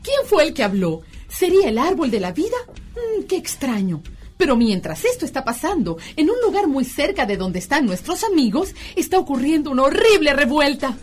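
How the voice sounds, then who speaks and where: High, animated woman narrating for children. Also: normal speed, faint music behind. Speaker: narrator and host. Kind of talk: animated scripted children's storytelling.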